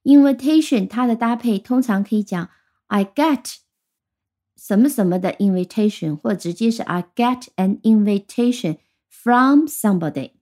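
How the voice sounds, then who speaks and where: Mellow-voiced woman teaching vocabulary. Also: fairly high pitch, expressive. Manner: clear, patient explaining, slows down for English example sentences. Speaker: English teacher. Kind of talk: vocabulary lesson.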